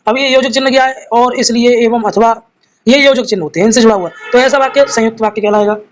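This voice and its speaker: A man's voice: very high voice, quick pace, slight background noise, poor audio. A man teaching a live grammar class, reading each quiz question and its options aloud, then explaining the answer and addressing his students fondly as children.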